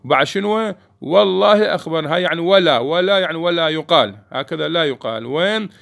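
A man's voice: a little high, animated, fairly quick, creaky, a bit bright. A man teaching a grammar lesson, explaining step by step and answering his own questions to the class.

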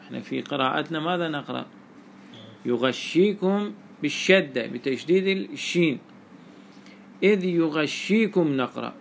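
A man's voice: on the high side, vocal fry, a bit bright, slight background noise. A man teaching a classroom lesson on Quranic readings, explaining step by step and quizzing his students with questions.

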